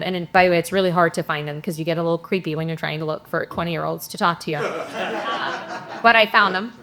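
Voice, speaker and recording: A woman's voice: fairly low pitch, fairly bright tone. A woman in her thirties, originally from Ukraine, speaking as a company CEO on a conference panel, upbeat, with joking asides and frequent ums.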